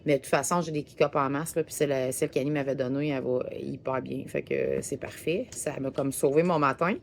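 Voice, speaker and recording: A woman's voice: a bass voice, steady tone, fairly quick, creaky, a little hiss or hum. A woman with a Québécois French accent giving a chatty, rambling recap of her day of RV travel. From Quebec, Canada. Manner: rambling and chatty, with many filler words. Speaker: RV travel vlogger. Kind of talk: casual travel vlog recap. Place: parked RV in a parking lot.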